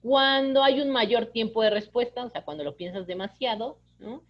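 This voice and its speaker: A woman's voice: a little high, moderate pace, lo-fi sound, a little hiss or hum. A woman teaching an online course, chatty and keeps checking in with the class. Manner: chatty, keeps asking "¿no?", acts out quoted dialogue. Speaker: course instructor. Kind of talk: online lecture.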